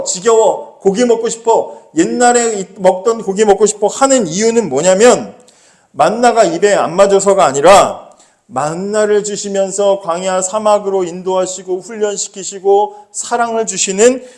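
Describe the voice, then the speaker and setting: High-pitched man preaching, lively storyteller, chuckles, quizzes congregation. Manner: asks the congregation questions. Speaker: pastor. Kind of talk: sermon.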